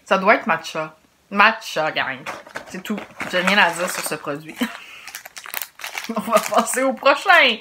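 Québécois woman in her thirties for a quiet home snack vlog, chatty reactions, noisy mic with crinkling packaging. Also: medium pitch. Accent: Québécois French. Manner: chatty, reacting aloud while tasting, talking quietly. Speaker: vlogger. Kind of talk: casual snack tasting vlog. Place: home, indoors.

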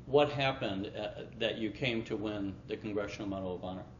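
A man hosting a TV interview, asking measured, leading questions. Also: on the low side, muffled recording. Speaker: interviewer, TV host.

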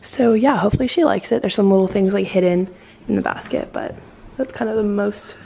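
A young American woman chatting casually to her vlog in a bubbly, sorority-girl manner, with a creaky edge to her voice. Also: mid-range voice, a little fast, dark tone, rough recording. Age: young adult. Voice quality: creaky vocal fry. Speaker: student vlogger, sorority member. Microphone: handheld camera at arm's length. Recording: faint to clear background noise, handheld camera.

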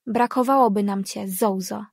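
A woman reading the lines of a worried teenage sister in an audiobook, soft and affectionate. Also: medium pitch, moderate pace, vocal fry, slightly rough, no room sound, clean studio sound. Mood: tender.

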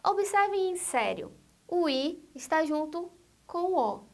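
A woman with a Brazilian Portuguese accent teaching a grammar lesson, saying each example word twice in a deliberate way. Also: very high-pitched, big pitch swings, darkish tone.

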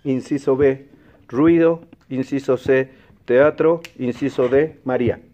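A man's voice: medium pitch, steady tone, warm tone. Male teacher-host, Mexican accent, patient, repeats options, muffled broadcast audio. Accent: Mexican Spanish. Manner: clear, patient, repeats answer options slowly. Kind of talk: educational TV quiz hosting. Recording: dull lo-fi broadcast sound.

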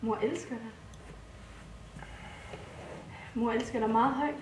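An actress playing an unhinged, exhausted young mother with a crying baby, swinging between hushed cooing and shrill outbursts. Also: expressive, a little hiss or hum. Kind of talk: stage drama monologue. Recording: echoey stage from far off.

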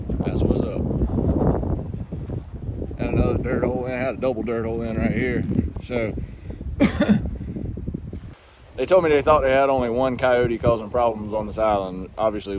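A relaxed man in his thirties talks straight into a handheld phone as he walks through a windy coastal marsh, easygoing and upbeat in a casual outdoor vlog. His voice sits at an ordinary middle pitch, and clear wind and outdoor ambience run under everything he says. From South Carolina. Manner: laid-back and excited, talking while walking. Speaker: trapper. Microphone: phone held at arm's length.

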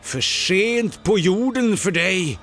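A man voicing a merciless old sorcerer priest in a spoken ghost story, loud and slow. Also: high voice, lively intonation, soft background music, voice pushed up. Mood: menacing.

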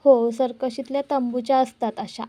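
A woman's voice: on the high side, little pitch movement, normal speed, warm tone, lightly acted. Playful young husband Arjun, read by a woman. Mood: teasing. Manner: lightly teasing.

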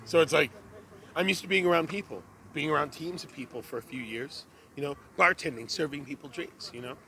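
A man's voice: fairly high pitch, fairly quick, bright, forceful tone, a little hiss or hum. A man in his thirties answering a street interviewer outdoors, talking emphatically and exclaiming into a handheld mic. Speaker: passerby interviewee. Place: outdoor city street with cafes.

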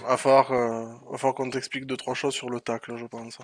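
A man's voice: mid-range voice, flat delivery, brisk. Guy chatting while gaming with his team, swears a lot, noisy mic, clicking. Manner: swearing, exclamatory. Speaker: online game player. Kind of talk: casual chat during team gaming.

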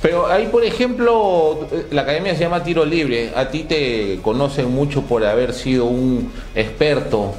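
A man's voice: a little high, lively intonation, moderate pace, hardly any pauses, darkish tone, reverberant. A middle-aged man hosting a TV interview in a promotional way, often turning to speak directly to the viewers. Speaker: TV host. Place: television studio.

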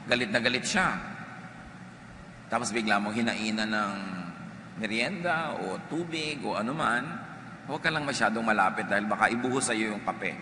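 A man's voice: lowish voice, moderate pace, pauses often. A man from the Philippines, preaching a sermon emphatically and dropping humorous asides to the congregation. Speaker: pastor. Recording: echoey hall with faint background noise.

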